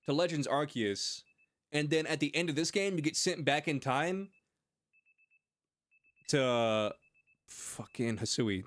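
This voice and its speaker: Animated young male gaming streamer. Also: fairly high pitch, no room sound. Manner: animated, swears, rambling restarts. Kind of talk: casual gaming stream commentary.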